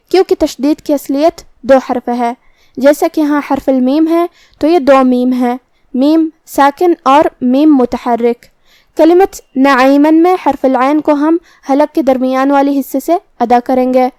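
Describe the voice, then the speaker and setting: A woman teaching Quran recitation, explaining each letter methodically and then reciting the verses slowly. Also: high voice, dark tone, no echo.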